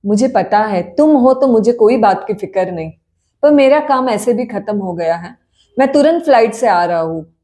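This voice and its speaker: A woman's voice: on the high side, expressive, normal speed, warm tone, lightly acted. A woman reading the part of a busy husband who speaks directly and with concern. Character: busy male husband, concerned for his mother.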